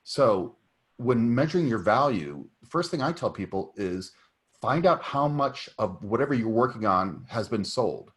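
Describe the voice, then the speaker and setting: A man's voice: medium pitch, expressive, unhurried. A man speaking on a video call, giving emphatic career advice with many restarts. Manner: emphatic, advising, with fillers and restarts. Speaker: technical writer at a meetup. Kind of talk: casual video call discussion.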